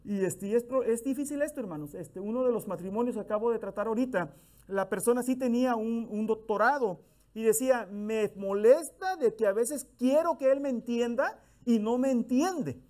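A man's voice: very high voice, moderate pace, dark tone. A middle-aged male minister, giving a folksy, conversational sermon with acted-out bits of dialogue.

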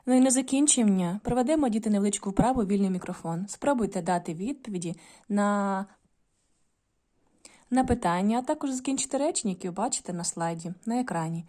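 A woman's voice: mid-range voice, fast talker, mellow. A woman teaching a video lesson to primary school children, patient and instructive, often addressing them directly.

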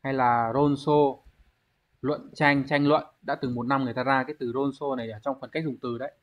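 In this online exam review, a male Japanese teacher speaks at a medium pitch, briskly and with fairly even intonation. He walks through word readings and uses rhetorical questions to check in with his students.

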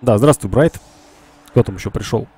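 A man streams a strategy game, chatting casually with viewers and thinking out loud while a cold makes him sound nasal and blocked up. His voice is on the low side, dark and husky, at a moderate pace.

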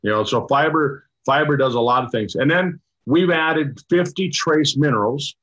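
An older man, a doctor, explaining a product in casual chat over a video call, halting with many restarts and fillers. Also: fairly high pitch, fairly bright tone. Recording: dull lo-fi video call audio.

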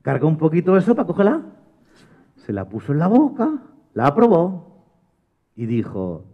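At a live children's show, a young magician and storyteller playfully coaxes a young volunteer and cracks jokes with them. His voice runs on the high side with wildly swooping pitch, slightly rough, at normal speed, and the recording's highs are cut off.

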